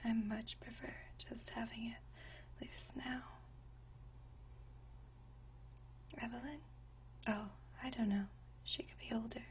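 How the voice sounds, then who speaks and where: A woman whispers softly in the role of a gentle, nostalgic vampire a century old, her mood fond and amused. Her phrasing is unhurried, genteel and old-fashioned, intimate in this ASMR roleplay. The fairly high, breathy whisper stays close to an everyday voice, recorded from a distance with slight background noise.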